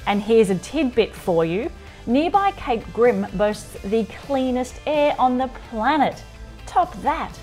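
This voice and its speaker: A woman's voice: fairly high pitch, expressive, slow pace, a little mellow, faint music behind. A woman in her forties with an Australian accent, presenting a travel road trip with upbeat, encouraging narration. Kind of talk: travel narration and car chat. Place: inside a moving car.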